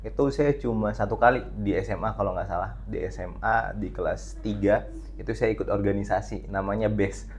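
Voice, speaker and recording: A young man from Riau with a lowish voice talks as a student leader on a casual podcast. He answers in a measured, thoughtful way and pauses on filler sounds as he searches for words. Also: darkish tone, slight background noise. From Riau, Indonesia. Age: young adult. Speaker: student body president, guest.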